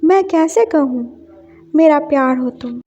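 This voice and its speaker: Storybook voice: a sensitive young poet, sulky and tender, high-pitched and soft-edged, read by a woman, dull lo-fi sound. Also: measured pace.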